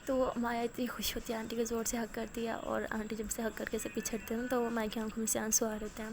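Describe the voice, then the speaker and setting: A woman's voice: on the high side, completely flat delivery, a little hiss or hum. A woman narrating a story in a casual, retelling manner with frequent fillers.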